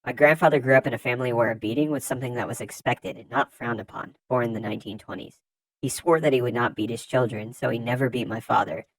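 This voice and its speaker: A narrator reading forum posts aloud in scripted narration, with lively swings in pitch and loudness. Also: quick pace, no room sound, low-quality recording.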